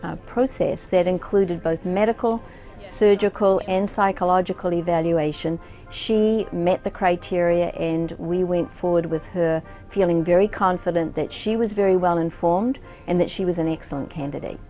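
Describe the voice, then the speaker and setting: Methodical low-voiced woman doctor. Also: steady tone, normal speed, dark tone, soft background music. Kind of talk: interview.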